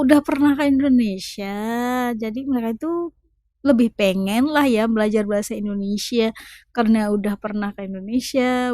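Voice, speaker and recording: A woman with a fairly high voice gives chatty reaction commentary. The recording is dry and close, and her delivery is casual. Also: warm tone. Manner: chatty, echoes phrases from the clips. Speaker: reaction video host. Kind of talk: casual commentary on video clips.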